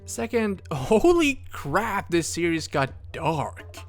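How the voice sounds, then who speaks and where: A man narrates a video game review with dry sarcasm and the odd swear word. His voice sits a little high for a man. Soft music runs under the voice-over. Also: very animated, slow. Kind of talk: scripted video essay narration.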